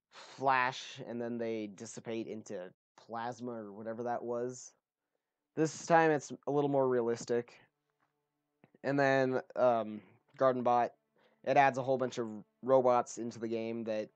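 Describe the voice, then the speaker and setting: A man talks through a game session in a loose, rambling commentary style. He chats easily and fills his pauses with ums. Faint game music plays quietly behind him. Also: medium pitch, clean tone, no room sound, lo-fi sound. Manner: rambling, chatty with frequent ums. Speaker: let's play host. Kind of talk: casual gameplay commentary.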